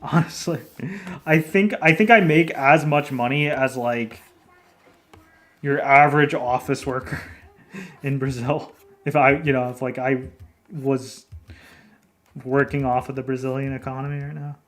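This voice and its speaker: This indie developer, a foreigner based in Japan, speaks Japanese with a non-native accent. On his livestream he answers chat in a rambling, laughing, casually profane way. His mid-range, fairly bright voice is fairly even and measured, with long pauses.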